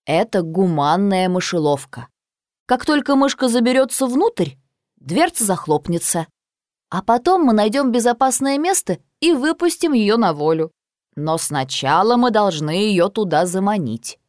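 A woman voicing a kind, cheerful father who talks in a lowered, gentle, fatherly way. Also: very animated, a little slow, dry recording, studio quality.

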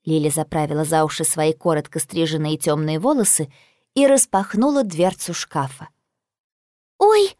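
A woman narrating a children's storybook in a lively, expressive reading. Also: low voice, normal speed, dry recording, studio quality. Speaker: audiobook narrator.

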